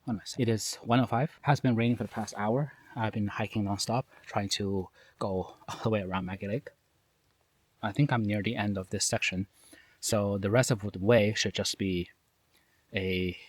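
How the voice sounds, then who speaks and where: A man with a lowish, steady voice records himself at a moderate pace while hiking alone on a rainy forest trail, a stream and forest sounds around him. He sounds nasal and a bit tired as he rambles in a self-mocking trail diary. The recording is dry.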